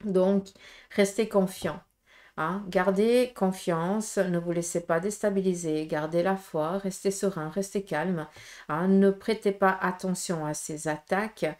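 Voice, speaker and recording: A woman's voice: lowish voice, fairly even intonation, a little slow, a little mellow. A Swiss French woman gives a casual tarot reading, speaking straight to her viewers. She is frank and direct, leaning on fillers and asking "okay?" often. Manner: direct, frank, many fillers and tag questions. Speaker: tarot reader.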